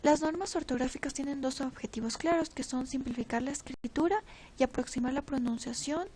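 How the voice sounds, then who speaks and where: A teenage girl reading a class presentation from notes, pausing and stumbling over words now and then. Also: sits high, darkish tone, rough recording. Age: teens. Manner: reads from notes with pauses and slips. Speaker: student presenter.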